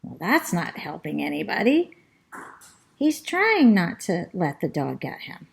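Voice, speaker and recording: A talkative classroom parrot tells the story in a children's storybook reading, as a woman reads it aloud. The delivery is slow and unhurried, with pitch that rises and falls in a lively sing-song, and rhymes are drawn out. The voice sits at a middle pitch for a woman. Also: vocal fry, full character voice. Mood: chatty. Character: chatty, fussy pet parrot narrating as a female classroom pet. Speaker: storybook reader.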